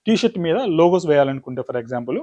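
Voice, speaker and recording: A man's voice: mid-range voice, lively intonation, warm tone, dull audio. A man presenting a product demonstration, explaining the steps one by one. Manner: rapid explanatory, lists items step by step. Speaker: business demo presenter.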